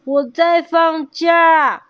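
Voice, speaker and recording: Lady doing a carefree crocodile, loud, stretched out, high for a croc. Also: slow pace, lo-fi sound.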